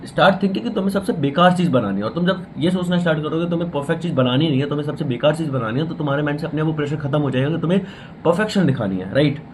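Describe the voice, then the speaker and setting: A man's voice: a little high, expressive, very fast, darkish tone, slight background noise, low-quality recording. A young man from India with an Indian accent, giving a casual motivational talk that switches between Hindi and English, blunt and swearing, calling the listener bro. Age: young adult. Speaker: motivational vlogger.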